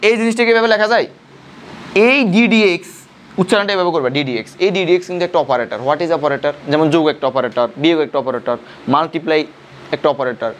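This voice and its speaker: High-voiced man tutoring in class. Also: expressive, quick pace, a little hiss or hum. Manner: questioning students, repeating points. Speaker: physics tutor. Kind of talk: classroom lecture.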